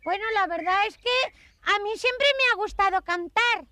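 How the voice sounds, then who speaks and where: Chirpy, piercingly high plant puppet. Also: female voice, moderate pace, bright, forceful tone, slight background noise. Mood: chatty. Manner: chirpy, agreeable. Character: cheerful female leafy plant-creature puppet, keen singer. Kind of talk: children's puppet show.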